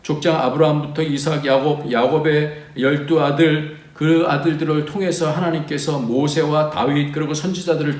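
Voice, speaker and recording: A male pastor preaching a sermon. He preaches with a lot of animation, his pitch and volume swinging widely, and he reads scripture aloud at length. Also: reverberant.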